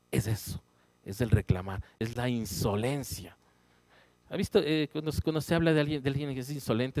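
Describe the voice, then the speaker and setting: A man teaching a Bible study in a church, animated and conversational, often checking in with his listeners. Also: mid-range voice, dry recording. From Ecuador. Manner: animated, rising emphatic exclamations; conversational, frequent "¿sí?" check-ins. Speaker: pastor.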